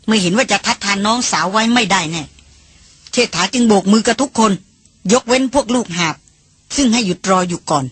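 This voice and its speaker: A woman reading an adventure novel aloud as an audiobook in a steady, measured storytelling voice. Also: medium pitch, husky, no room sound. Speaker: audiobook reader. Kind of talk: scripted narration.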